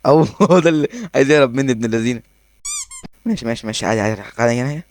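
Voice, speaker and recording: A man with an Egyptian accent giving excitable gameplay commentary, laughing often and talking to himself as he plays. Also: mid-range voice, racing. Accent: Egyptian Arabic. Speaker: gaming YouTuber.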